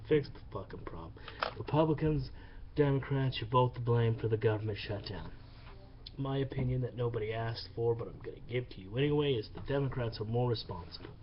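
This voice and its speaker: Man, angry rant, profane, repetitive, dull recording, faint hiss. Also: mid-range voice. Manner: profane, heated, repeats himself. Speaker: vlogger.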